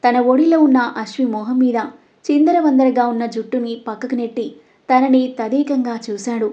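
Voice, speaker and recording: A woman tells a story in a mellow, warm voice that sits slightly high. She gives each character's lines in her own voice and reads the dialogue louder than the narration. The recording sounds dull and lo-fi. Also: normal speed. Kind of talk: scripted audio story narration.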